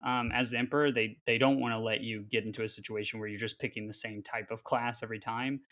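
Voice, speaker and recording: A man's voice: mid-range voice, flat delivery, quick pace, fairly bright tone. A man talking as a podcast panelist, thoughtfully explaining in casual chat with many ums.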